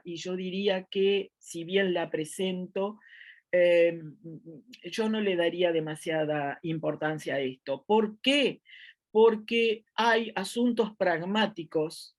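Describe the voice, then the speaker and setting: A middle-aged woman with a Uruguayan accent teaching a grammar lecture from home, thinking aloud with many fillers and restarts. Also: fairly low pitch. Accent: Uruguayan Spanish. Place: at home, seated in a chair.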